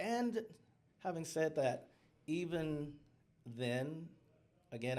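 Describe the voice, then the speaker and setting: A man's voice: medium pitch, a little mellow. A man guesting on a podcast, talking candidly in casual chat, often laughing and acting out quotes.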